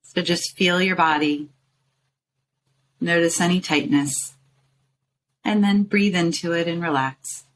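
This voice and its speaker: In a rough recording with some ambient background noise, a woman with a low voice guides a meditation. As the show's host and guide, she speaks in short, soothing phrases, pausing between them to coax the listener along.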